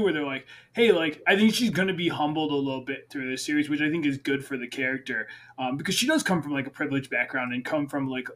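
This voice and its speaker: Brief: male podcast co-host, somewhat high voice, animated and playful. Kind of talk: casual chat about a TV series.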